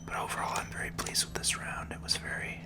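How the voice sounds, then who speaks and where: Over a video game playthrough, a soft, breathy whisper offers ASMR commentary that is calm, unhurried and gently explanatory. The game's music can be heard underneath.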